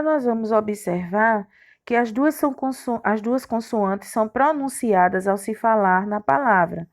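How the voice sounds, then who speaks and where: A woman teaching a recorded lesson for young schoolchildren, her voice sitting a little high. She takes it slowly and patiently, sounding out each letter and syllable clearly. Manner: slow, spelling out letters and syllables for children. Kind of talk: recorded remote grammar lesson.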